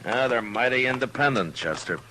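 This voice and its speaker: An actor playing a steady, weary American frontier marshal in an old radio western, firm and plain-spoken. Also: male voice, mid-range voice, a little fast. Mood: easygoing. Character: steady, weary frontier lawman, a grown man. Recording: noisy old radio recording.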